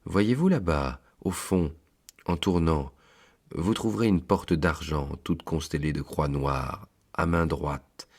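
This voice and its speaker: A man voicing Saint Peter as a kindly old keeper of heaven's book, calm and fatherly. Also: rumbling low, slow, breathy edge, exaggerated voice.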